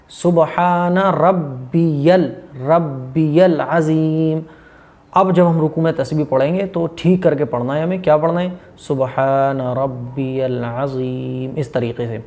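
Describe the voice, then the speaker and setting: A man with a Hyderabadi Urdu accent teaches a religious lesson in a fairly high voice. He explains plainly, then draws out each recited phrase slowly and deliberately so listeners can copy it. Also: warm tone. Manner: slow, drawn-out model recitations between explanations. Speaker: Islamic teacher. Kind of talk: religious lesson on prayer pronunciation.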